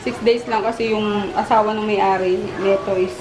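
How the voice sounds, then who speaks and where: A woman's voice: mid-range voice, fairly even intonation, normal speed. A woman chatting casually in a home vlog, playful and laughing, cooing baby talk at her dog. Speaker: vlogger. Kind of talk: casual family vlog chat. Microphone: handheld compact camera. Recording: noisy home camera audio.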